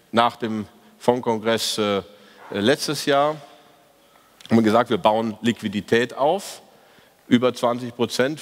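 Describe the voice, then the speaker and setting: A man speaks on stage at a conference, reviewing the stock market in an opinionated, ironic way. He hesitates often with fillers. His mid-pitched voice rings with the long reverb of a large hall. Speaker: fund manager giving a market review. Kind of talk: conference talk.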